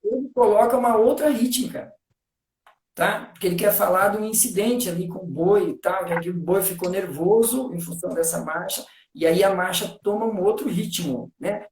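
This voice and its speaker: A man's voice: high voice, moderate pace, reverberant. A man, a guest on a live stream, explains things eagerly in casual talk. He fills his speech with "né" and counts out rhythms aloud. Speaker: guest discussing literature.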